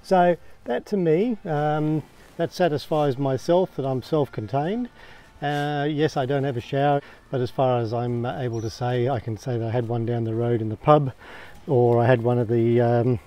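Outdoors at home by a caravan, an Australian man shows off his camping gear as he carries a camera around, talking in a steady, medium-pitched, dark-toned voice. His vlog delivery is plain and relaxed, full of ums and uhs.

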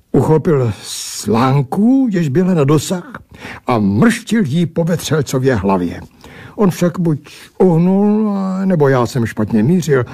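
A man narrates a classic tale aloud in the first person. His voice is gravelly and husky, and his delivery is expressive and lively, rising and falling freely as he tells the story. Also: on the high side. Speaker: audiobook narrator. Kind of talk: dramatic story reading.

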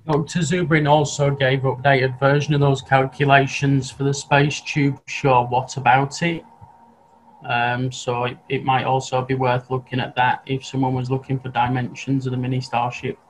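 Flat-voiced man chiming in. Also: medium pitch, moderate pace, a little hiss or hum, poor audio. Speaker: session participant. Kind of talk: adding a helpful comment.

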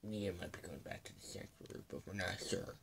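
Hesitant, nervous man in a game role-play, low and quiet, put on by a male gamer. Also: fast talker, vocal fry, background noise. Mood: unsure. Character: nervous soft-spoken adult man, Eugene.

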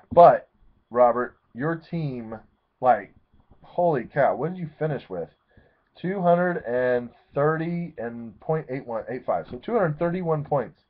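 A man in his thirties giving a casual, rambling recap of his fantasy football league from his home webcam, often correcting himself and getting excited. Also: fairly high pitch. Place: small room at home, seated in a leather chair. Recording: tinny, phone-like webcam audio.

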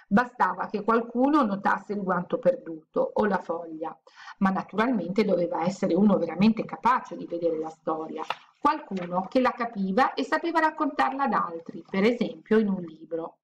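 A woman reading a children's storybook aloud with gentle, steady pacing. Her voice has a gravelly, creaky texture at a middle pitch. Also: moderate pace, lo-fi sound, slight background noise. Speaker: audiobook reader.

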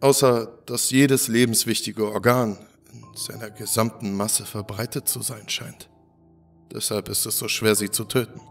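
A man's voice: fairly low pitch, flat delivery, unhurried, creaky, soft background music. A man voicing a brilliant, irritable male doctor who explains things precisely in a lecturing way, in a spoken horror story.

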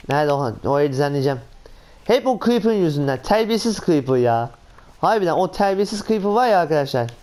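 A man comments on his gameplay, narrating each step and bursting into exclamations. His voice sits a little high and stays smooth and clear. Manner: excitable, talks to himself, frequent exclamations. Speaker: gaming channel host.

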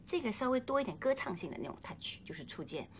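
Woman piano teacher, lively voice. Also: a little high, fast talker, slight background noise. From China. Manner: coaching, sings melodies and hums phrases. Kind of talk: piano masterclass instruction. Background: piano playing.

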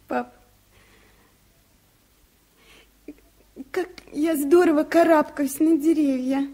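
In a 1970s radio drama, an actress voices an excited, trusting little girl. Her high-pitched delivery is childlike and full of wonder, chatty and curious.

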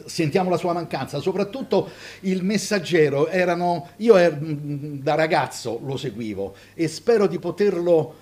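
A man reading a short story aloud with expressive narration on a web show. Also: fairly high pitch, normal speed. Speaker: reader and guest storyteller.

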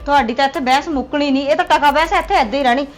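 A woman with a Punjabi accent playing a sharp-tongued daughter-in-law who scolds and dismisses her mother-in-law. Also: sits high, very fast, soft background music, natural voice. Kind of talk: family drama acting.

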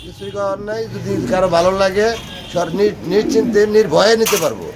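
A man's voice: sits high, brisk. A man with a Bangladeshi accent, a farmer being interviewed, chatting casually about his trade in short answers.

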